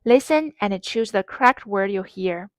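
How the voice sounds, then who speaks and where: A woman's voice: medium pitch, expressive, no echo. Woman, language teacher, pronunciation lesson, careful enunciation, dry close sound. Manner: slow, patient, clearly enunciated instruction with modeled drills. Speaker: Mandarin teacher.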